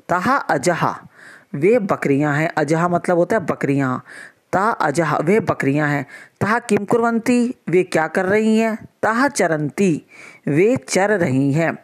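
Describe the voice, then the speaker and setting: A woman teacher giving a lesson to children, speaking slowly and patiently and repeating every line to explain it. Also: lowish voice.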